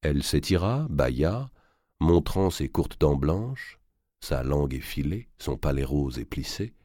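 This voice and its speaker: A man narrating a historical novel as an expressive audiobook reader. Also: extremely low pitch, a little slow, no room sound, clean studio sound. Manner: expressive storyteller, varied delivery.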